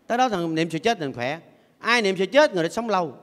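A man's voice: high-pitched, lively intonation, quick pace, fairly bright tone. An older man, a Buddhist monk giving a playful sermon who has his audience repeat phrases after him. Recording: long echoey hall reverb.

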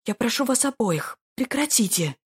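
A woman voicing a young high-society lady in an audiobook, pleading in a raised, breathless voice. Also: normal speed, husky. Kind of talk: audiobook character voice.

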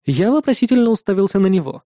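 A man reading a first-person fantasy adventure in a steady storytelling manner. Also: high voice, fast talker, no echo, studio quality. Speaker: audiobook narrator.

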